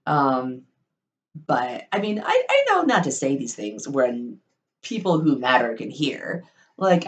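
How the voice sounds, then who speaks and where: A young woman in a casual storytelling vlog, rambling with lots of ums and likes, swearing freely and wryly. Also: low-pitched. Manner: rambling, full of ums and likes, profane and wry.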